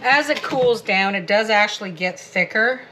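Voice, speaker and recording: A woman's voice: medium pitch, moderate pace, very noisy. Chatty woman in her home kitchen. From Canada. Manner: chatty, giggly, talks to viewers while working. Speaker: homestead vlogger. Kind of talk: casual cooking vlog.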